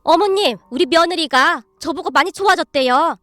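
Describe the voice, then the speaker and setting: A woman's voice: very high-pitched, moderate pace, dry recording, soft background music. A woman voicing a timid middle-aged mother-in-law who earnestly practices sounding fierce. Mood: eager. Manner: eager, earnest, practiced shouting.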